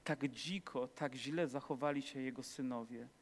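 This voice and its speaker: A man's voice: mid-range voice, normal speed. Man preaching in a reverberant hall. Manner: storytelling with humor and rhetorical questions to the congregation. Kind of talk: sermon. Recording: long reverb of a large hall.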